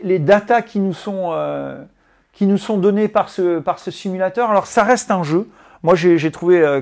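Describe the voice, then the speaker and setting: A man from France, a golf coach, giving a relaxed live lesson indoors and pausing often to explain. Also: high voice. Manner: relaxed, explanatory, many hesitations. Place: indoors, living room with golf simulator.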